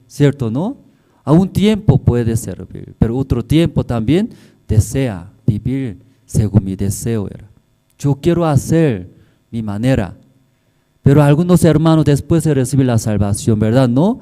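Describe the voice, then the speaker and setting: A man's voice: mid-range voice, warm tone. A male pastor preaching a sermon in simple, broken phrasing, checking in with the congregation constantly with tag questions.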